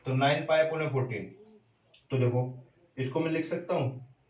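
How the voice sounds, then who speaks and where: A man's voice: fairly high pitch, moderate pace, far from the mic, dull audio. Man teaching maths in an echoey room. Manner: steady step-by-step explaining, repeated check-in questions to students. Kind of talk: classroom lecture at a board. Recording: roomy echo, voice from off mic.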